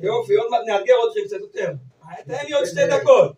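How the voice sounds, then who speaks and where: A man leading an interactive lesson on Torah cantillation, briskly urging participants to read on. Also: extremely high pitch, a little mellow. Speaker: teacher of Torah reading to teachers. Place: classroom or hall with group. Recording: echoey room, far from mic.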